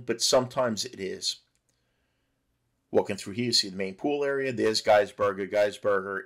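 A middle-aged man giving a relaxed, conversational voice-over narration for a cruise ship tour vlog. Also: on the low side. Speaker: travel vlogger.

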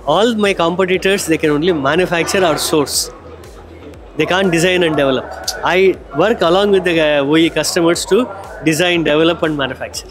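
A man's voice: fairly high pitch, brisk, music in the background. A middle-aged man with an Indian English accent, confidently explaining his company's products on a handheld mic at a trade show booth. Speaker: company executive. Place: busy exhibition hall booth. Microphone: handheld microphone.

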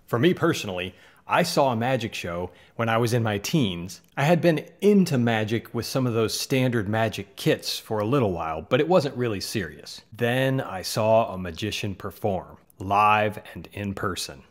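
A Southern man in his thirties with a Midwestern accent speaks in a fairly low, expressive voice at a moderate pace as host of a magic channel. He chats earnestly and conversationally to camera from his small home studio, gesturing with his hands. The studio mic hangs on a boom in front.

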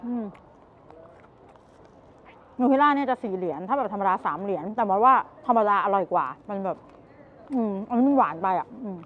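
Expressive at a medium pitch, a thirtysomething travel vlogger speaks at a moderate pace with long pauses while sampling snacks and browsing a market. She chats to viewers and comments on what she tastes in a casual food vlog. The audio, from a handheld camera held at arm's length outdoors, is muffled with street noise.

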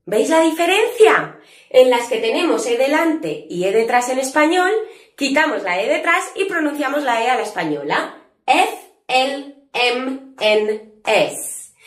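Teacher lady, bouncy voice, kinda high, roomy echo. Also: moderate pace. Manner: lively, clear and patient, drawing out letter sounds to show them. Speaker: English teacher. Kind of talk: spoken lesson for Spanish speakers.

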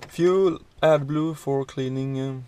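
A Swedish truck driver, a man in his thirties, casually tours his cab and talks through the controls haltingly, full of filler words and restarts. His mid-range voice is dark and smooth.

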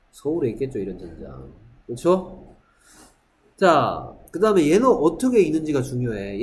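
A man's voice: medium pitch, darkish tone. A middle-aged man teaching English vocabulary to a middle school class, repeating each word and asking rhetorical questions. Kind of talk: classroom lecture. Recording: echoey classroom with faint ambience.

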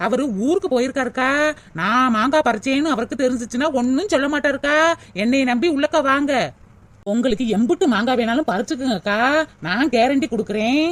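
A brash, bossy young cartoon village woman who teases and orders her friends around, as a woman voices her. Her high voice stays bold and sure. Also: quick pace, natural voice. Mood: reassuring. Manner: brash, teasing, ordering others about. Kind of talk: cartoon voice acting.

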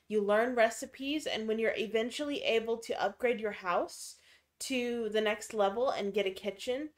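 A woman co-hosting casual game commentary, correcting and explaining tips in detail. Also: fairly high pitch. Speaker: co-host giving game tips.

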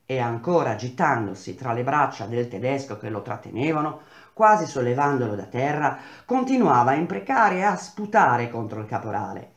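A man reading a novel aloud in a measured, expressive storytelling manner. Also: medium pitch, echoey room. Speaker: reader of a novel.

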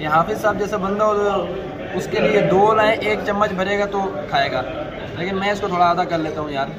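Speaking at a moderate pace in a high voice, a young vlogger with a Pakistani accent gives an informal food review sprinkled with English words. The poor-quality audio includes loud chatter from the crowded, large indoor restaurant.

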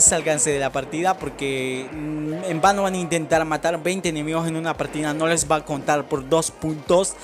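A young man giving casual commentary over his mobile shooter gameplay, chatting to his viewers and bursting into shouts and laughs. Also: fairly high pitch, a little hiss or hum. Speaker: gaming channel host. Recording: loud game music behind voice.

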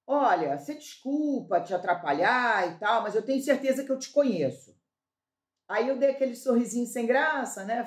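Woman guest, high bright voice, animated storyteller, roomy studio. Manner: animated, acts out quoted dialogue, laughs while telling. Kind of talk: comic anecdote on a talk show.

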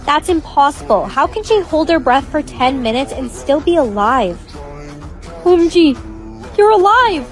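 A woman's voice: high voice, animated, moderate pace, faint music behind. A woman acting out a comedy skit with a dramatic, exaggerated delivery.

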